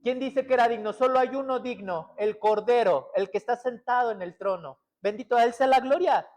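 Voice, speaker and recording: A pastor delivers a sermon in a strikingly high voice. He fires rhetorical questions at the congregation and answers them himself. His delivery swings between loud, urgent emphasis and quiet, close passages. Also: brisk.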